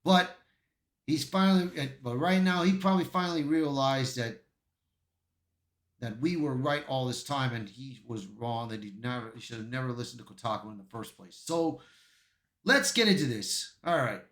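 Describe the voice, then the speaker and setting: A YouTube commentator gives casual online commentary and reads aloud, often tripping over his words. His voice is medium-pitched and fairly bright at a moderate pace, recorded in a roomy, echoey space.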